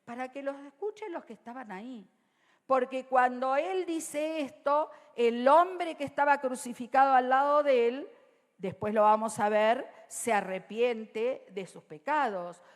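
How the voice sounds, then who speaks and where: A woman pastor with an Argentine Rioplatense accent, preaching a sermon to a congregation and often checking in with "¿sí?", her voice swinging between loud and soft. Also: high voice, measured pace. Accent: Rioplatense Spanish. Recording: long reverb of a church hall.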